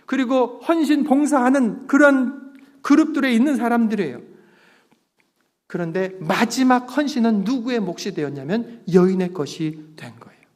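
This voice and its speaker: A middle-aged man preaching a sermon as pastor, earnest and emphatic, drawing the congregation into call-and-response. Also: very high voice. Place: church sanctuary. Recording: long reverb of a church sanctuary.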